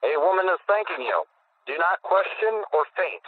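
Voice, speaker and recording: A man's voice: high voice, sing-song, normal speed, dry recording. A man radio host reading out a comic list in a dry, explanatory way. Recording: tinny phone-like dry radio audio.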